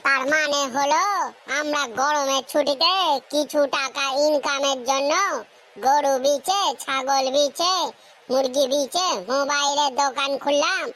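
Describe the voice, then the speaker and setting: An actor voicing a hot-tempered young male shopkeeper who snaps loudly at his customers in a cartoon comedy. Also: extremely high pitch, level tone, full character voice. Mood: complaining. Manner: loud, scolding, quick to snap at customers.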